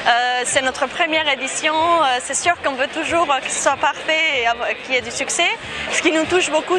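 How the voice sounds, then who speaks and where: High-voiced woman on a busy street. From Mexico. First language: Spanish. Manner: hesitant, many fillers and restarts. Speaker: festival director. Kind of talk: casual interview. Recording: outdoor street noise and crowd chatter.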